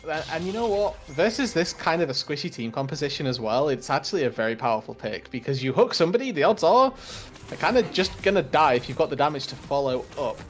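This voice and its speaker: A man's voice: on the high side, sing-song, fast, faint music behind. A man giving color commentary on an esports match, explaining tactics with a dry, teasing humor. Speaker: esports caster.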